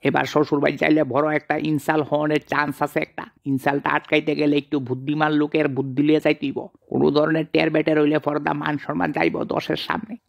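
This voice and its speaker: A man's voice: on the high side, level tone, quick pace, gravelly, few pauses. A man in a rustic comedy sketch, chattering and fretting as he schemes. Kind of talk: rustic comic monologue.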